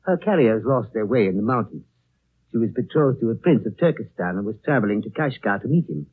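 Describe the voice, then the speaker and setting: In 1930s radio drama style, an actor plays a courteous, discreet lama over a hundred years old who looks younger. His fairly low, slightly rough voice is expressive, and his speech formal and measured, polite, guarded and politely evasive. The old radio recording sounds thin and narrow.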